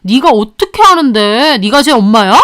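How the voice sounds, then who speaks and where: A woman voicing a rude, arrogant young male restaurant owner who mocks and shouts at people. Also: a little high, animated, normal speed, no echo, clean studio sound. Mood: scornful.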